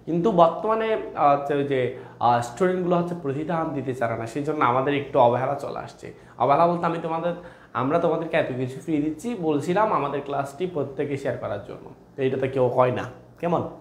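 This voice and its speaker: A young man teaching grammar to exam students over a live online class, with a fairly high voice. He talks in a chatty, repeating way and calls his students brother. The sound is echoey, as if taken in a bare room. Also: animated, fast.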